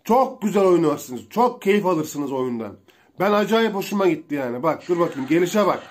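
A young man with a slightly high voice commentates a mobile wrestling game for his viewers at a normal pace. He's excitable and slangy, calling out moves and reacting to every hit.

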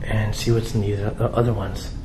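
A man in his thirties vlogs his way through an old haunted jail, talking casually and nervously to a handheld camera held at arm's length and reacting aloud to what he finds. His voice is fairly low and level at a normal pace, and the empty cells and corridors echo, with music underneath and a noisy background.

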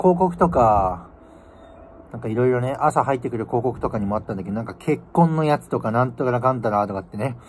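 A man's voice: medium pitch, darkish tone. A man in his twenties from northern Japan, musing casually and in slangy speech to the camera outdoors. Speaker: vlogger. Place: outdoors by a building in winter. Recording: outdoor ambient noise, phone microphone.

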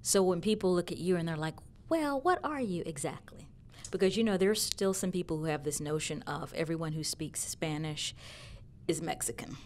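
A middle-aged woman hosting a podcast panel, introducing guests and asking questions in a lively, upbeat way. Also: lowish voice, moderate pace, slight background noise. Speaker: podcast host. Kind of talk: casual panel talk.

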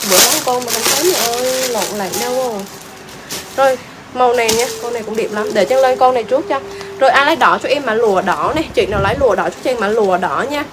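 Chatty high-voiced woman selling clothes live. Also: a little hiss or hum, low-quality recording. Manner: chatty, exclaiming, repeats prices. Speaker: livestream clothing seller. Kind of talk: fast live-selling patter.

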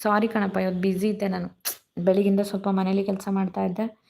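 A woman hosting a casual live stream from her phone in a dark room at home, her voice hoarse and cracking from illness as she greets viewers by name. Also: mid-range voice, flat delivery, fairly quick. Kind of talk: casual live chat reading comments. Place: dark room at home during power cut.

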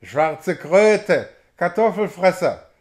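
A croaking, mocking devil taunts his victim, loud and menacing, as a man reading aloud puts him on. The voice sits a little high for a man. It is a figure in a story read aloud from a book. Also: animated, slow. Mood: taunting.

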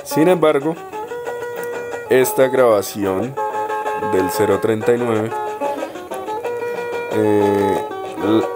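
A young man presenting his degree project in an unhurried, explanatory way, with frequent hesitations. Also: lowish voice, loud music behind the voice. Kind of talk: informal spoken presentation.

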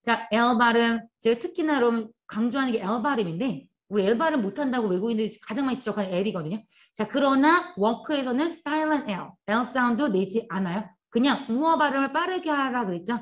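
A woman teaching English grammar in a live classroom lecture, explaining quickly and then slowly drilling example sentences. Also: a little high, lively intonation. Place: lecture classroom at a language academy.

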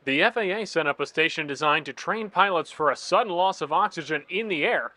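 A man's voice: fairly high pitch, lively intonation, a little fast, bright, forceful tone, dry recording. A young American man reading scripted news narration as a television reporter.

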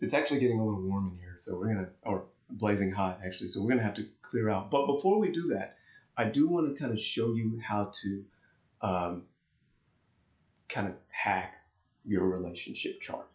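A man's voice: lowish voice, animated, moderate pace. A man co-hosting an astrology talk, explaining charts in a chatty, easygoing way and laughing easily. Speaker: astrology co-host. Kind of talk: explaining charts in casual chat. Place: warm indoor room. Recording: echoey room.

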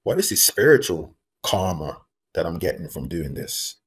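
A homeless advocate from Bermuda, with a very low, husky voice, joins a video call as a guest from a room at home, captured by a laptop camera. Very animated yet earnest and measured, he gives reflective interview answers and repeats key phrases for emphasis.

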